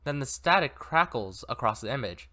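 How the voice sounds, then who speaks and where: A man's voice: medium pitch, expressive, normal speed, pushed and bright. A man reading an interactive novel aloud, chatting and correcting himself with amused asides. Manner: chatty, self-correcting, laughs at own mistakes. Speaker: story reader and commentator.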